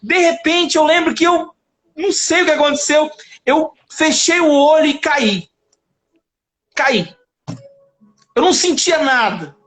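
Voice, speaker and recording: Man, guest testimony, high voice, lively storyteller who acts out the dialogue. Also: unhurried, pauses often. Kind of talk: emotional faith testimony in a live conversation.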